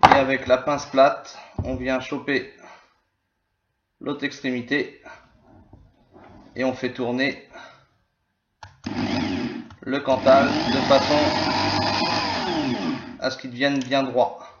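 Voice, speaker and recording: A man giving a casual hands-on tutorial as a gear reviewer, talking slowly and hesitantly with many filler sounds. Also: mid-range voice, level tone, very noisy. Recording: echoey room, dull lo-fi sound.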